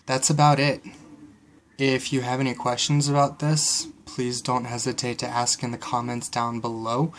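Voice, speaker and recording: A man's voice: mid-range voice, little pitch movement, moderate pace, a little hiss or hum. A man casually explaining a kitchen home remedy step by step, with frequent fillers. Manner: explains steps conversationally with fillers. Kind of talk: casual how-to tutorial.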